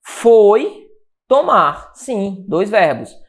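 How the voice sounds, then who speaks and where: A man teaching an exam-prep grammar lesson, energetic, asking and answering his own questions. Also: high voice, extremely slow. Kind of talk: lively exam-prep lecture.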